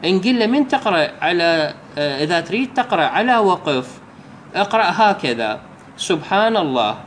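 A man with an Iraqi Arabic accent giving a religious lesson, explaining step by step and slowly reciting example phrases. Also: high-pitched, very animated, fairly bright tone, a little hiss or hum. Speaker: religious teacher.

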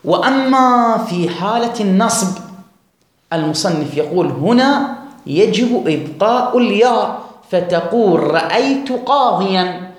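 A man teaching a grammar lesson, reading the text slowly and stretched, then explaining it quickly and asking the class questions. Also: high voice, animated. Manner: asks the class questions and urges them to follow. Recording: very echoey room.

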